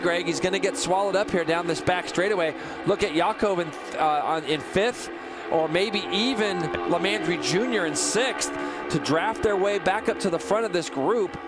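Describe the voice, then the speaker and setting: High male motorsport commentator over music. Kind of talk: live race analysis and commentary.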